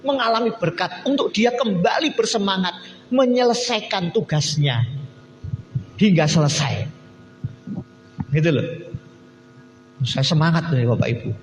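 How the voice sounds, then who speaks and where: A male pastor with a Javanese accent preaching a sermon in church, lively and acting out the people in his stories. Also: a little high, echoey room, long reverb tail, slight background noise, low-quality recording. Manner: animated preaching, acting out quoted church members.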